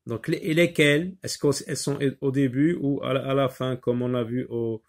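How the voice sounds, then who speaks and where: A man's voice: medium pitch, fairly even intonation, normal speed. A man teaching a reading and handwriting lesson, patiently talking the class through each step.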